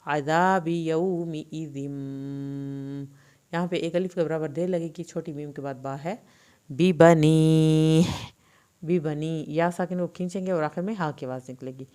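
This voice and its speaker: A woman teaching Quran recitation in Urdu with a Pakistani accent, reciting verses slowly and drawn out, then explaining the pronunciation rules quickly. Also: low-pitched, a little mellow.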